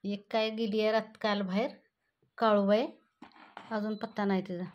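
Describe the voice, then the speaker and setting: A woman's voice: mid-range voice, level tone, normal speed, dull audio. A woman, scolding and cooing at her cats in a casual home video. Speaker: cat owner vlogger. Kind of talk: casual talk to pet cats.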